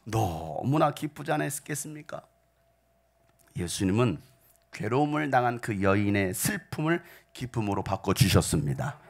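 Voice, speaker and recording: Man preaching in church, gravelly voice, pitch jumps all over, whispers then shouts. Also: sing-song, normal speed. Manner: dynamic preaching, swinging between hushed whispers and loud shouts. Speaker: pastor. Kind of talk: sermon. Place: church sanctuary.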